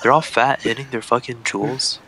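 A man's voice: mid-range voice, fairly even intonation, brisk, very noisy. A man casually telling friends a rambling, profane story, with many restarts.

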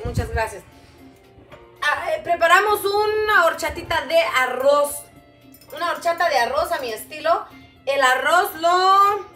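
High-voiced Guatemalan woman, chatty livestream host. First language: Chuj. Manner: warm, chatty, calls viewers "mamita". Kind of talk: casual livestream chat reading viewer comments. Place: home kitchen, indoors. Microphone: camera a little way off. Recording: echoey kitchen, distant mic.

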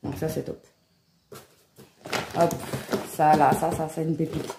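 A woman's voice: low-pitched, level tone, slow pace. A woman, chatting enthusiastically to viewers as she shows off her shopping haul, with many fillers and little "hop"s. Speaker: home vlogger showing a shopping haul. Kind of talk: casual haul vlog to viewers. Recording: echoey room with faint background noise.

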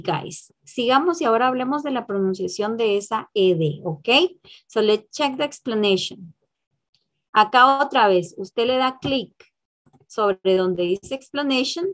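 A woman teaching English in an online class, switching between Spanish and English and drilling sounds slowly with exaggerated repetition. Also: mid-range voice, a bit bright.

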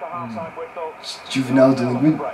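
A man's voice: medium pitch, steady tone, moderate pace. A young American man bantering casually with a friend, teasing and playing dumb. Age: young adult. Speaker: contestant in a pronunciation challenge. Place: small bedroom. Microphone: camera a few feet away. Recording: roomy, distant mic with clear background noise.

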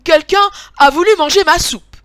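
A woman's voice: on the high side, animated, a little slow, a bit bright, no echo, clean studio sound. A woman voicing an irritated mother bear in a storybook, talking in an angry, scolding way.

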